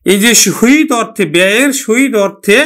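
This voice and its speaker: Male teacher with a high voice, patient and step-by-step, who drills example words through repetition. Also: lively intonation, a bit bright. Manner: explains slowly, repeats example words. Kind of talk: pronunciation lesson.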